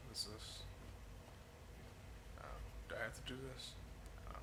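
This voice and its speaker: A man's voice: fairly low pitch, fairly even intonation, unhurried, gravelly, heavy background noise. A man casually commenting on his playthrough, sarcastic and swearing. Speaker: gamer. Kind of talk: let's play commentary.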